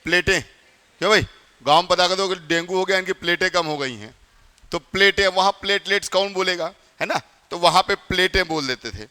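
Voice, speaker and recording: A man's voice: high voice, brisk, pushed and bright, smooth, in a large hall. A man teaching a class in a casual, chatty way, often quizzing his students, with a north Indian Hindi accent. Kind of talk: classroom lecture.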